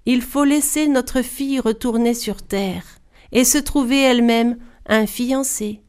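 A woman voicing the sun as a calm, fatherly spirit in a storybook reading. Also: a little high, a little slow, smooth, lightly acted.

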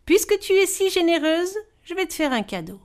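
A woman's voice: extremely high pitch, big pitch swings, normal speed, voice pushed up. A woman voicing a friendly, lazy female fate spirit who speaks in a cheerful, indulgent way. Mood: welcoming.

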